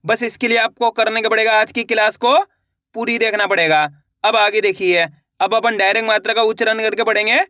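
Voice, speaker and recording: Bright high-voiced man teaching reading. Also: fairly even intonation, fairly quick, no room sound, studio quality. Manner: sounds out each letter then blends the word, checks in with the viewer. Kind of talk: slow spelled-out lesson for beginners.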